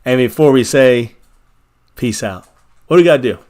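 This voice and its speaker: At a normal speed and medium pitch, a man with a slightly mellow voice closes out a casual livestream from a small home bar. He's hyped as he thanks fans by name, repeats his catchphrases, and calls the viewers "baby."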